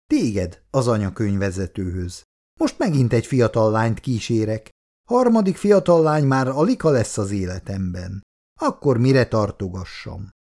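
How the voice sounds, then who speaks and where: This is a wry older husband from a storybook, grumbling and dryly funny, voiced by a man reading aloud. The voice stays near the reader's own pitch, dark and gravelly, and still moves around a lot in pitch. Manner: grumbling, dry humor.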